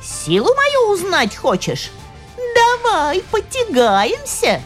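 A woman voicing a tiny, feisty old woman who scolds in an indignant, drawn-out way. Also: extremely high pitch, huge pitch swings, pitched above the performer's own voice, full character voice. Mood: defiant. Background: faint music.

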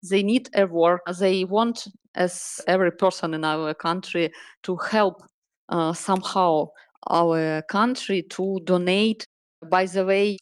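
A Ukrainian woman in her thirties, a salon owner and project manager, answering interview questions in careful, halting English with many pauses. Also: lowish voice, no room sound. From Ukraine, Donetsk region. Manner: earnest, halting non-native phrasing with many pauses.

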